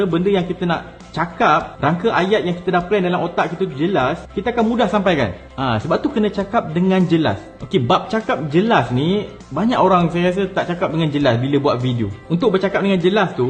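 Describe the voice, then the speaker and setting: A man with a Malaysian Malay accent talks through on-camera tips in a casual, step-by-step way. His voice sits a little high for a man. Soft music plays faintly underneath. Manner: easygoing, explains step by step with spoken demonstrations. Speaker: content creation coach. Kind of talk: casual instructional talk to camera.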